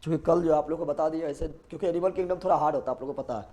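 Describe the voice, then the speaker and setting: A man's voice: fairly high pitch, rapid-fire, a little mellow. A man teaching a live online biology class in with a lilt, repeating questions and answers to his students. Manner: repetitive call-and-response questioning.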